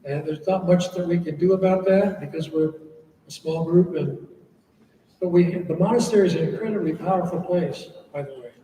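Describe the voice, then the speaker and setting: Speaking at a moderate pace with a warm, high-leaning voice, an older American monk gives a casual talk to an audience. He tells stories in a chatty way and adds humorous asides. Recorded in a church hall, he sounds distant and echoey, with slight background noise.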